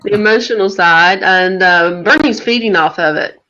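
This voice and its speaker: A woman's voice: mid-range voice, normal speed, sharp tone. A woman on a discussion panel, speaking in a hesitant, offhand way. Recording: dull lo-fi audio.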